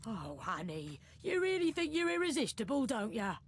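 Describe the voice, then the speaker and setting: A woman's voice: high-pitched, a little slow, creaky, a little hiss or hum. A woman playing a suave, mocking female thief in a fantasy video game, sassy and insincerely sweet. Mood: sly, mocking.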